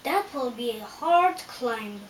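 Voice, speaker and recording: A woman's voice: on the high side, animated, slow pace. A woman reading an earnest, firm scarecrow. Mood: calm. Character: brave, polite male scarecrow leading travelers. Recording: roomy, distant, faint hiss.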